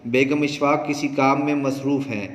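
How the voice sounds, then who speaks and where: A man's voice: medium pitch, fairly even intonation, normal speed, echoey room, long reverb tail, lightly acted. A man voicing a sickly, irritable husband who grumbles and groans. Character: sickly, irritable middle-aged husband in bed.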